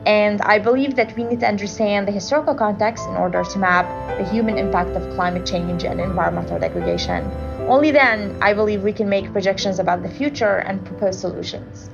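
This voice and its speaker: A woman from Iraq reads an earnest, scripted promo about her research. Music plays clearly behind her, and the recording sounds somewhat dull and muffled. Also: mid-range voice, expressive, brisk. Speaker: researcher reading a promo spot.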